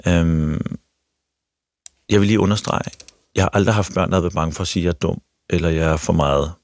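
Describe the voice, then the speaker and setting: A middle-aged man with a very low, gravelly voice shares a personal story on a talk show. He speaks frankly and openly, often circling back and restarting his sentences. The sound is dry and close on a studio mic. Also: fairly even intonation, dry recording. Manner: frank, self-revealing, with repeated restarts. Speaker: actor and radio show host.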